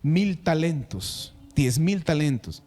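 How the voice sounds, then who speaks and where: A man's voice: on the high side, lively intonation, takes it slowly, darkish tone. A male pastor preaching a sermon who addresses the congregation directly and repeats words for emphasis.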